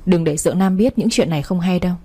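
A woman's voice: on the low side, fast, mellow, breathy edge. A woman voicing a middle-aged mother who scolds her daughter yet fears her husband. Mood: scolding, anxious.

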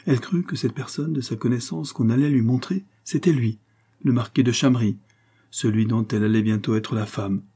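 A man narrating an audiobook with a measured, steady literary reading. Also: mid-range voice, breathy edge. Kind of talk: scripted narration.

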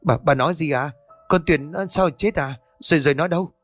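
A man's voice: on the high side, brisk, a bit bright, soft background music, voice pushed up. A man doing a blunt young servant girl. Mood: blunt questioning. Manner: blunt, questioning.

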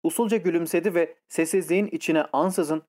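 A male narrator reads a novel aloud in a measured way. His voice sits slightly high but sounds warm and mellow. The delivery is steady and scripted. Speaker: audiobook narrator.

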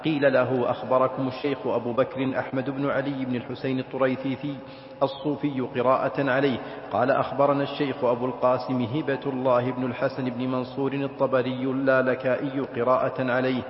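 A man reading a classical text aloud to the class, measured and even with a slight chanting lilt. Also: mid-range voice. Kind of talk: formal recitation of a classical text. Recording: echoey hall, dull sound with faint hiss.

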